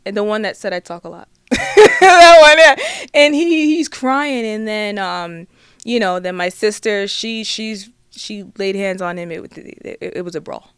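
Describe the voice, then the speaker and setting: A woman's voice: medium pitch, normal speed, smooth, dry recording, studio quality. A woman guest in a casual interview, telling a personal story animatedly and acting out her family's voices.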